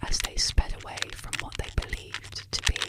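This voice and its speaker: Soft ASMR whisper telling spooky legends. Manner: slow, soothing ASMR delivery for sleep. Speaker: ASMR narrator.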